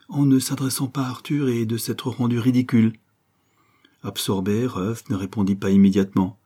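A man narrating a classic novel in a low, dark and mellow voice with a husky edge. His reading is measured and steady, in scripted narration. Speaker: audiobook narrator.

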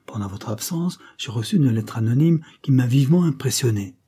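A man reading the part of an earnest, proud young duchess in a storybook, with a pleading, gentle delivery in his husky voice. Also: medium pitch, expressive, a little fast.

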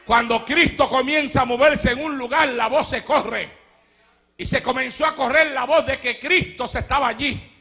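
A man preaches a fiery sermon in a strikingly high, gravelly voice. He swings from shouted declarations to hushed storytelling and breaks into speaking in tongues. The recording sounds dull and lo-fi. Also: normal speed. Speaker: pastor. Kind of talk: Pentecostal sermon.

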